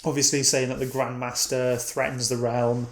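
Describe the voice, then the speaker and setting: A man chatting his way through a comic book review, wandering from point to point and restarting his sentences as he goes. His voice sits at an ordinary middle pitch. The room around him is bare and echoey. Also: little pitch movement, moderate pace. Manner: meandering, self-correcting retelling. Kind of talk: casual read-and-review chat.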